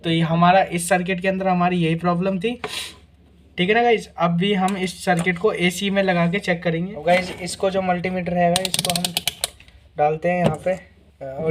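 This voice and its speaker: This repair tutorial host has a high, steady voice and keeps a moderate pace, with a little hiss or hum in the background. In a relaxed, practical demonstration, he takes each test in turn and keeps checking in with "guys" and "theek hai na."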